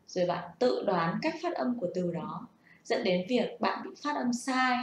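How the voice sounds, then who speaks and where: A young woman gives a casual, patient spoken lesson and asks the listener rhetorical questions. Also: medium pitch. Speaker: self-taught English learner sharing tips. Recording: echoey room.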